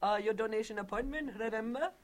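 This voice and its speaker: Woman doing a sly vampire guy, broken english, fake polite, a bit high. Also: fast talker, lightly acted. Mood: smooth, falsely polite.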